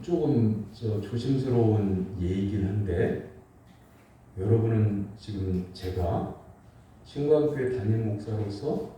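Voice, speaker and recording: A man's voice: fairly low pitch, dark tone, a little hiss or hum. Echoey masked man preaching from afar. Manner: storytelling preacher with rhetorical questions to the congregation. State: speaking through a face mask. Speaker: senior pastor. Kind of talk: sermon. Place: large church sanctuary. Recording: echoey hall, from a distance.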